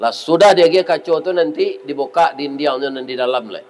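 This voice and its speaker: Older Minangkabau preacher, lively storyteller, slightly high voice, keeps asking the congregation. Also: male voice, moderate pace. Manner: animated storytelling, tag questions to listeners. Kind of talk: sermon.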